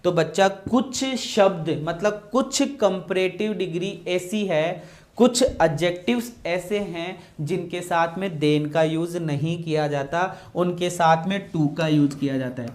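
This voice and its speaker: A man's voice: high voice, a little slow. A man teaching English grammar in a classroom lecture, repeating key phrases and quizzing his students.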